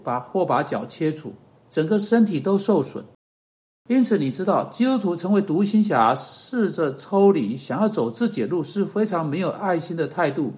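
A man giving an earnest sermon-style podcast teaching that closes in prayer, pausing on fillers and correcting himself as he goes. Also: on the high side, darkish tone. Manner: earnest, measured, with hesitant fillers and self-corrections.

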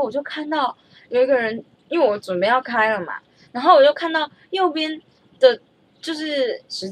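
A young woman, telling a story in a chatty, animated way and stammering when she gets excited. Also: mid-range voice, a little hiss or hum. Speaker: vlogger. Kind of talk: casual storytelling.

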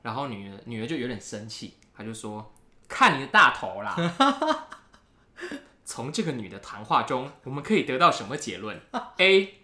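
A man with a Taiwanese Mandarin accent co-hosts a loose, casual podcast. He sets up joke quiz questions like a storyteller, and his voice comes across bright and forward. The recording has a roomy echo from an unfamiliar space. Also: medium pitch, animated, fairly quick. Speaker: podcast co-host.

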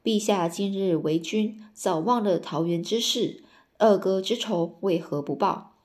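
A woman voicing a hot-tempered, grieving male general, reading his lines in a plain, steady voice. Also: mid-range voice, a little slow, lightly acted. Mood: indignant.

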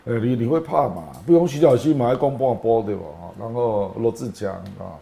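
A man's voice: mid-range voice, brisk, gravelly, mellow. A man with a Taiwanese accent giving casual political commentary as a guest, colloquial and emphatic, with particles closing his phrases.

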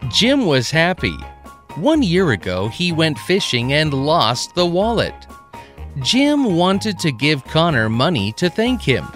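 A man tells a scripted news story to young learners in careful, simple phrases. His fairly high voice moves slowly with very lively intonation, over music. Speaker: news presenter for children. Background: background music.

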